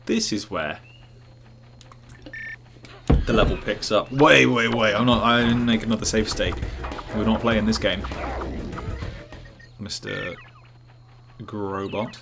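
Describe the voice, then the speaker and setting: A man's voice: lowish voice, slow, vocal fry, pauses often, music in the background. A man streaming live gameplay who rambles, jokes and chats with his viewers. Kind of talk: casual live gameplay commentary.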